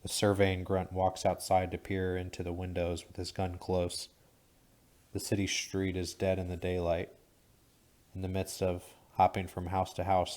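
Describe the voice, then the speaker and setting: Deep, flat-voiced male narrator. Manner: steady, even, measured reading. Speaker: audiobook narrator. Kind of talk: scripted audiobook narration.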